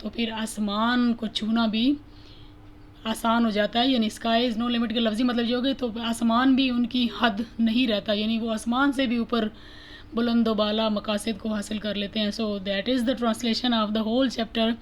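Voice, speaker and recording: A woman teaching an English lesson, reading each textbook line slowly and then explaining it in Urdu. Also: fairly high pitch, little pitch movement, a little hiss or hum, rough recording.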